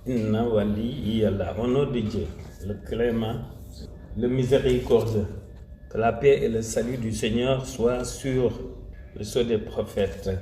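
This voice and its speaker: A man's voice: fairly low pitch, warm tone. A man with a Senegalese French accent gives a formal commemorative address in a solemn, emphatic way. He repeats key phrases and slips Wolof phrases into his French. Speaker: religious community speaker. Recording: roomy echo, faint ambient noise.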